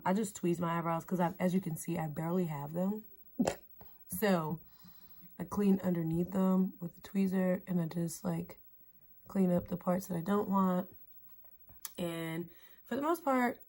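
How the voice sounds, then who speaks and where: A woman's voice: on the low side, a little mellow. A woman hosting a casual makeup tutorial vlog, talking in a chatty, playful, slangy way. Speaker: beauty vlogger host. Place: indoors by a mirror.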